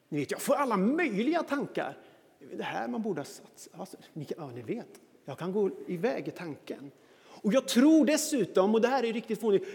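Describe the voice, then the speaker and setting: A man recounting a personal story in an animated, self-mocking way. His voice sits high but sounds warm and mellow. A long reverb hangs behind each phrase. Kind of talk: personal anecdote monologue.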